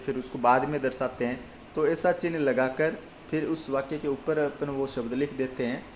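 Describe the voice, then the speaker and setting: A man's voice: medium pitch, slight background noise. A man teaching a Hindi grammar lesson to exam students, explaining step by step, asking and answering his own questions and reading out lists of number words.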